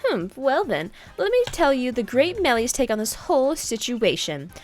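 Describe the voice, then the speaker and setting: A pompous, haughty young noblewoman from a video game, all lifted tones and a smug Valley Girl drawl, as a female streamer puts her on. She sounds theatrical and self-important, looping up high through her lines. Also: very animated, normal speed, soft background music.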